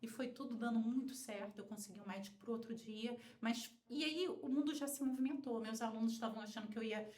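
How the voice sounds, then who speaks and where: Brazilian woman, podcast guest, animated emotional storyteller who acts out the people she quotes, slightly high voice. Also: quick pace, few pauses. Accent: Brazilian Portuguese. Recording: roomy echo.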